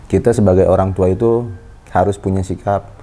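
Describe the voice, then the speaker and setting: A man in his thirties hosting a casual parenting chat with his wife, explaining in a calm, lecturing way. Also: sits low, moderate pace. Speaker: host. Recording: faint background noise.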